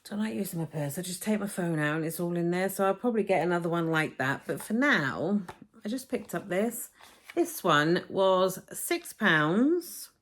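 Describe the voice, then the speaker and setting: In a casual shopping haul vlog shot on a phone, a woman talks to the camera as she unpacks her purchases. Her voice is fairly low and expressive, at a moderate pace.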